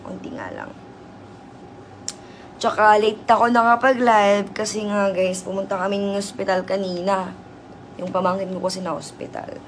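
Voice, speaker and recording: A hoarse woman hosting a casual livestream, chatty and teasing as she greets viewers. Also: mid-range voice, flat delivery, moderate pace, pauses often, slight background noise. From Southern Leyte, Philippines. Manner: chatty, teasing, laughs often. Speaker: livestream host.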